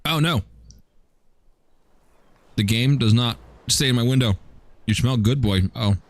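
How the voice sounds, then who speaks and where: A man's voice: medium pitch, measured pace. A man chatting casually on a livestream while he plays a game, joking and often stammering as he restarts his sentences. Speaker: streamer.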